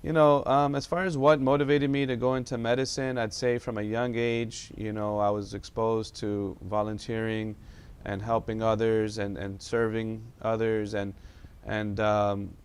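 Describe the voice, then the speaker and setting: A young man, a doctor from South Florida, talks about his background in a studio interview. His voice is smooth and fairly low, and he often pauses and restarts his sentences. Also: flat delivery. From South Florida, USA. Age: young adult. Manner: hesitant, many fillers and restarts. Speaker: medical doctor guest.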